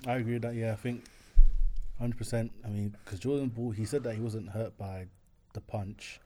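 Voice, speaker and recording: A man's voice: lowish voice, steady tone, fairly quick, mellow. A young man with a London accent in a casual chat among friends, laid-back and slangy. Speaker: sports talk show co-host.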